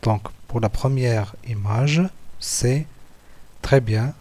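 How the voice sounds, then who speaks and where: Algerian french guy teaching kids, super slow and patient, says every word twice. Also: mid-range voice, a little mellow. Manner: deliberate, repeats words and syllables slowly. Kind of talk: slow, patient lesson walkthrough.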